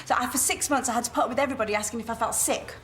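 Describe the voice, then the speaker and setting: Brief: actress as a nervous, talkative woman on a date in a TV soap, slightly high-pitched. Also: very fast, a bit bright, close to an everyday voice. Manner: chatty, rambling, self-deprecating. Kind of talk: TV soap acting.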